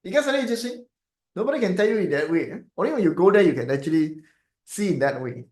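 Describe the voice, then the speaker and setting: A man's voice: sits high, lively intonation, fast talker, a little mellow. Man, Malaysian English accent, feng shui teacher, casual live-stream chat, rambling, filler-heavy, echoey room. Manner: rambling, full of fillers and tag questions like "eh?" and "okay".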